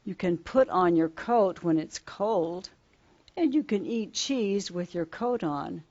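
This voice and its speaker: A woman's voice: lowish voice, expressive, takes it slowly, a little mellow, highs cut off. A woman teaching a simple children's lesson as if reading to a toddler, asking sing-song questions and repeating simple phrases.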